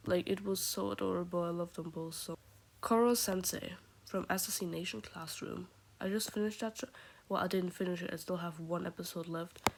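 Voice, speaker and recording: Woman vlogger, under the weather, quiet gushing ramble with half-whispered asides, slightly low voice. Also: fairly even intonation, normal speed, creaky, slight background noise. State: sick, talking quietly. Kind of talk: casual fandom chat.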